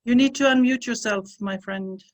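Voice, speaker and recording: Woman webinar host, relaxed and friendly, frequent "uh"s and "um"s, on a video call. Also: a little high, moderate pace. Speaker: association president and webinar host. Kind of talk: hosting a webinar.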